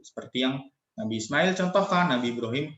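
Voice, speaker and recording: A man's voice: medium pitch, expressive, a little fast, fairly bright tone. A young man telling a religious story to children and drawing a lesson from it, playful and acting out quoted voices. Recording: echoey lo-fi recording.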